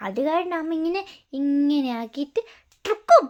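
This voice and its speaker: A woman's voice: sits high, a little slow, fairly bright tone, lo-fi sound. A young mother filming a family vlog, coaxing her toddler in sing-song baby talk.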